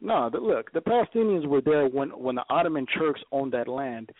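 A man's voice: medium pitch, moderate pace, dry recording. Man, from Ethiopia, call-in caller, insistent, lecturing, stammers, dry phone line. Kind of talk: heated call-in debate.

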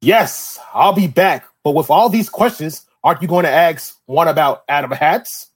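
A man's voice: on the high side, moderate pace, lightly acted. Man as a grim reaper-like sinister horror storyteller. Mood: ominous. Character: Doctor Weird, sinister male horror storyteller. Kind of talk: old radio horror narration.

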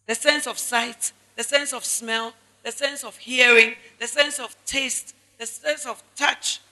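A woman's voice: fairly high pitch, fairly even intonation, a little slow, bright, forceful tone, in a large hall. A woman pastor with a Ghanaian accent preaching a sermon, stressing her points by repeating them and speaking straight to the congregation. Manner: emphatic preaching with repetition and asides to the congregation.

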